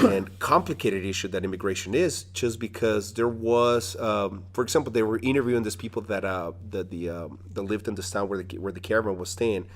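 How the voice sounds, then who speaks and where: A man with a lowish voice talks fairly quickly as he hosts a podcast interview. He's from Mexico, and his casual, conversational style wanders, full of restarts and fillers.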